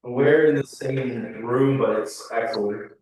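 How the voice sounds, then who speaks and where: A man's voice: mid-range voice, slow, a little mellow. Man echoing in a big room. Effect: heavy echo from a big room. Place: large echoing room shared with another person. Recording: echoey room, far from the mic, faint noise.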